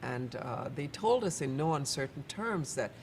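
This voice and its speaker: A speaker with a very creaky, mid-pitched voice recalls things casually and somewhat haltingly, with clear noise in the background. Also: sing-song. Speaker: event emcee recalling ceremonies. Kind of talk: casual recollection.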